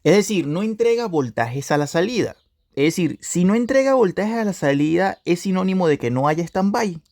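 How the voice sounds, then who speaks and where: A man's voice: high-pitched, expressive, moderate pace, a little mellow, no room sound, studio quality. A man teaching a video class on repairing electronics, repeating points and checking with his students as he goes. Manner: repetitive, asks "¿ya?" to check understanding.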